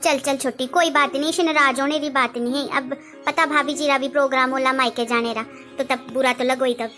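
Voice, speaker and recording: A woman plays a gentle elder sister in a homemade family drama, high-voiced, speaking. She placates and calms the others, and faint music plays underneath. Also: a little fast. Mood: soothing. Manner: calming, placating. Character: patient elder sister who soothes everyone.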